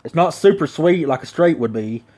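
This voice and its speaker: Lower lip packed with dip, a man with a Southern US drawl rambles folksily through a casual product review, full of slang. His slightly high voice has a darkish tone and lively intonation at a moderate pace.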